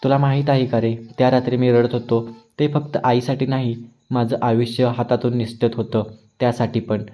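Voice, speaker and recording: A man voicing a quiet, weary middle-aged father who hides his grief, speaking softly and with restraint. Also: medium pitch, flat delivery, normal speed, lightly acted.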